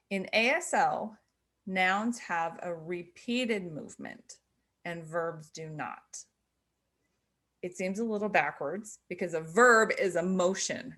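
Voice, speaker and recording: A woman's voice: fairly low pitch, a bit bright. A middle-aged woman teaching a lesson, explaining patiently with fillers and self-corrections. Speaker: sign language teacher. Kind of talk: instructional explanation.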